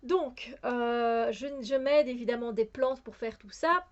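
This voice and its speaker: A woman's voice: on the high side, measured pace, lo-fi sound. A woman with a Belgian French accent chatting casually about her new books, hesitant with many fillers and restarts. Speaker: book vlogger. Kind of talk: casual book haul chat.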